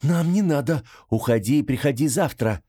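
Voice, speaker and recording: A man voicing a frightened, meek young woman in a high, trembling voice. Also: lively intonation, normal speed, dark tone, natural voice.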